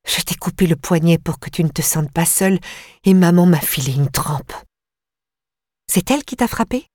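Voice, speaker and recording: Woman doing disturbed young woman, eerily calm, low murmuring voice, slow, dry close sound, audiobook. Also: dry recording.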